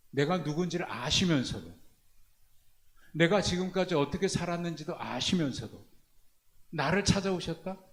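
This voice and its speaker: Animated male pastor preaching. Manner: preaches with rhetorical questions to the congregation; swings from hushed low phrases to loud emphatic ones. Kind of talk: sermon. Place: church prayer meeting.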